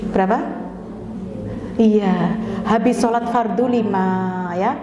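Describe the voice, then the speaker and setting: A woman's voice: medium pitch, takes it slowly, background noise. A woman teaching a religious study lecture in a chatty way, often checking in with her listeners. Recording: echoey hall with long reverb, dull sound.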